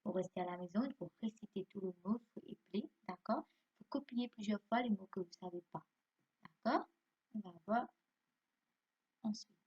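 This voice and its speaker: A woman's voice: medium pitch, normal speed, pauses often, husky, lo-fi sound. A woman teaching young pupils from home, spelling out words letter by letter and quizzing them, then answering her own questions. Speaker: primary school teacher.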